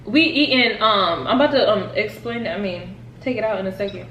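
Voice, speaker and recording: A woman hosting a casual mukbang vlog, chatting in a relaxed, slangy way. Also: mid-range voice, brisk, reverberant, lo-fi sound. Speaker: vlogger host.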